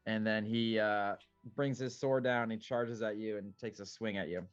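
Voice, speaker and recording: A man narrating his character's moves in a tabletop role-playing game, informal and halting. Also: fairly low pitch, steady tone, clear, resonant tone. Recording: dull lo-fi mic, music behind.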